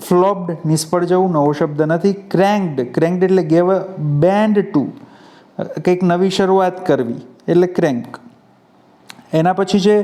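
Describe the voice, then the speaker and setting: A man's voice: fairly high pitch, mellow. A male teacher explaining English vocabulary from a textbook, asking his own questions and answering them.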